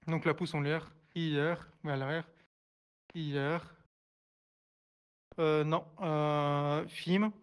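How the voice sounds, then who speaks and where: A man's voice: a little high, steady tone, smooth. A man teaching a sign language class online, hesitant, full of fillers and restarts, repeating each word as he signs it. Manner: repeats each word slowly while signing. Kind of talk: live online class explanation.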